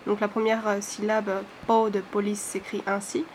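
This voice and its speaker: A woman teaching a language lesson, explaining slowly and carefully with many hesitations and sounding out syllables one by one. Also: mid-range voice, level tone, darkish tone, slight background noise.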